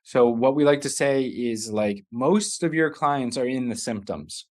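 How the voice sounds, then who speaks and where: A man leads a live online business masterclass, his pitch sitting in an ordinary middle register. He talks loosely and conversationally, often stopping to rephrase mid-sentence as he explains. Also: a little slow. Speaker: business coach hosting a masterclass. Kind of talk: live online teaching session.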